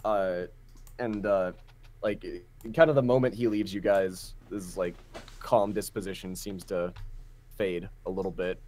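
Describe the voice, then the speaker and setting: A man's voice: sits low, steady tone, unhurried, darkish tone. A man narrating as game master of a tabletop game in a loose, filler-heavy way.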